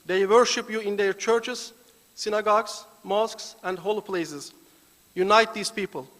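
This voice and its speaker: High-voiced man praying solemnly in a hall. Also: fairly even intonation, fairly bright tone. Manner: solemn, deliberate invocation. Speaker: foundation volunteer giving the opening prayer. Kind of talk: formal prayer and address. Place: large banquet hall. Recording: reverberant hall.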